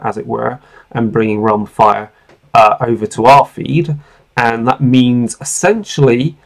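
A man of about forty chats as a podcast host. His voice sits at an average pitch with a frequent gravelly creak. He rambles informally and swears without fuss. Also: rough recording. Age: late 30s to 40s. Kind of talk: casual podcast chat.

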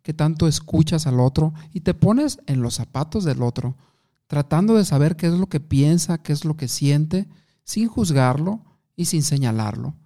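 A man's voice: fairly high pitch, expressive, moderate pace, mellow. A man giving an instructive talk on communication, asking the listener questions and telling short anecdotes. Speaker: communication coach.

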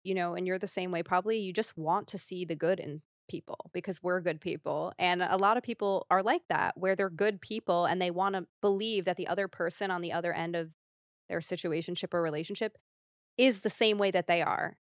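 A woman's voice: on the low side, brisk, dry recording, clean studio sound. A young woman talking candidly as a podcast guest, rambling with lots of fillers and the odd nervous laugh. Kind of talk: casual podcast conversation.

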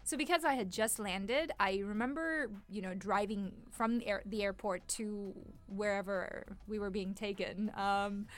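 A woman co-hosts a casual Urdu lesson podcast, explaining things in a conversational way. Her mid-range voice is unhurried with few pauses, and faint music plays in the background.

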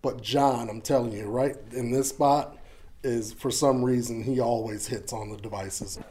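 Male ghost investigator, mid-pitched, casual and explanatory. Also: steady tone, a little slow, mellow, slight background noise. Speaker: paranormal investigator. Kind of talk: casual on-location talk.

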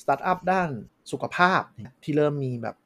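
A man's voice: on the high side, lively intonation, moderate pace. A man co-hosting a podcast in casual chat, frankly explaining things with examples. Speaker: podcast co-host.

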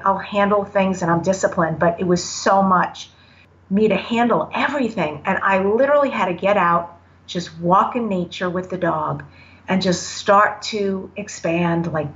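A woman's voice: mid-range voice, a bit bright. Woman, reflective, encouraging, short phrases, slightly muffled remote sound. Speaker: podcast guest. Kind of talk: casual conversation.

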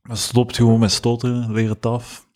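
A man's voice: mid-range voice, completely flat delivery, normal speed, darkish tone. A young man with a Flemish accent, joking and laughing often while co-hosting a casual podcast chat. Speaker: podcast co-host.

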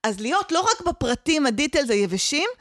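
Higher-voiced Israeli woman explaining casually. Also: sing-song, a bit bright, no echo, clean studio sound. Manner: mixes English professional terms into speech. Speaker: guest expert on training development and change management. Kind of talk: casual explanatory podcast conversation.

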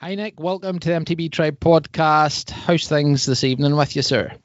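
A man's voice: a little high, moderate pace, no echo, muffled recording. A man hosting a podcast, chatting in an informal, chummy way as he introduces and questions his guest. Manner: informal, chummy, uses slangy address. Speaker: podcast host. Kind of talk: casual chat, interviewing.

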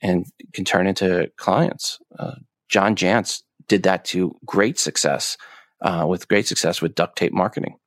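A man speaking as a podcast guest, relaxed and measured in casual talk. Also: deep voice, no echo. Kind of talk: casual interview chat.

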